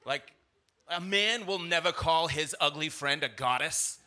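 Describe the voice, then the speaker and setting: Speaking at an unhurried pace in a slightly high voice, this middle-aged Boston comedian delivers blunt, colloquial stand-up stories to a live crowd. He's from South Boston and uses a stage microphone, with background noise audible throughout.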